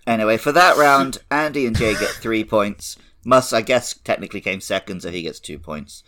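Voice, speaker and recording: A man's voice: on the low side, moderate pace, pushed and bright. A young man hosting a comedy quiz podcast, reading out headlines and teasing the players. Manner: teasing, reads headlines then banters. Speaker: quiz host. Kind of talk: casual comedic game-show podcast.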